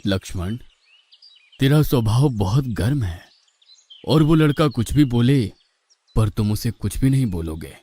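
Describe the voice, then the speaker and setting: Man voicing Rama, a calm, composed god. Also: mid-range voice, a little slow, long pauses. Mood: calm, instructing. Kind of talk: animated devotional story acting.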